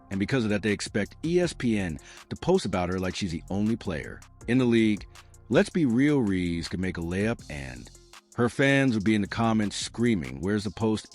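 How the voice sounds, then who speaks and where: A man's voice: lowish voice, darkish tone. A man narrating a scripted commentary in a sarcastic, theatrical manner.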